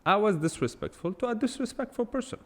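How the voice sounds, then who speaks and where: Talking fast in a high-pitched, expressive voice, a man hosts a solo podcast with no script, bluntly and emphatically throwing out rhetorical questions. He is not a native English speaker, and the recording sounds like a big room.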